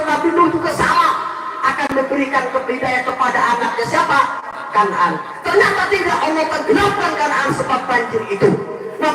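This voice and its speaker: A man preaching to a village gathering, telling stories and speaking straight to the audience in a lively way. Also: extremely high pitch, heavy reverb, far from the mic, rough recording. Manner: lively, addresses audience directly. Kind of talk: storytelling sermon. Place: village religious gathering outdoors.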